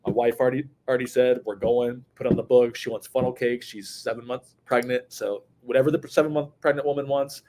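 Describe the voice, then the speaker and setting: A man's voice: mid-range voice, fairly even intonation, a little fast, hardly any pauses, mellow. A man, co-hosting a casual chat while he has the hiccups, often repeating words as he starts sentences. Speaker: podcast co-host.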